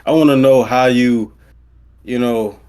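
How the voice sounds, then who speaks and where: A man calling into a live stream over a voice call, talking haltingly and filling his speech with "you know what I'm saying.". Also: medium pitch, steady tone, a little mellow, clear, resonant tone. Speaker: caller.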